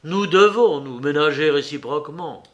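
A man's voice: fairly high pitch, normal speed, a bit bright, lightly acted. A man doing a cornered, pleading man. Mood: defensive.

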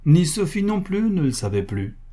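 A man voicing a poised, worldly marquise with a calm, wry manner in a read story. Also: on the high side, normal speed, voice pushed up.

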